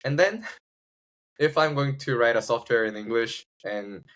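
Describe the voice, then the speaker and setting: In a casual interview on a podcast, a Korean-accented man from South Korea, a startup founder, narrates his own story while frequently searching for words. His voice has a medium pitch and a fairly bright tone, and he speaks a little slowly.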